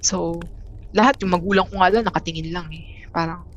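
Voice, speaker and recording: A woman from the Philippines, a guest telling a personal story in a casual, halting way, with many restarts and fillers. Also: fairly low pitch, steady tone, lo-fi sound, slight background noise. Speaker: interview guest.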